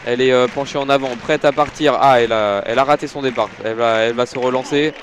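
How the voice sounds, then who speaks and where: A man giving live audio-described athletics commentary from a stadium, hesitant with many fillers, rising when excited. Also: mid-range voice, fast talker, a little hiss or hum. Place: outdoor stadium.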